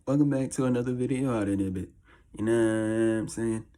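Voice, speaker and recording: A man with a deep, husky early-morning voice, chatting casually as a video host in a slangy, repetitive way. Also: brisk, mellow. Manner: slangy, informal, repeats catchphrases. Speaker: YouTube host. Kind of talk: casual chat to camera.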